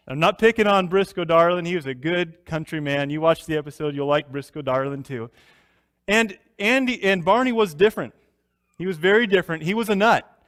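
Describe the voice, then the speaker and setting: A man's voice: a little high, fairly bright tone, no echo, clean studio sound, big-room sound. A man pastor preaching a sermon, telling a story in a folksy way before turning earnest.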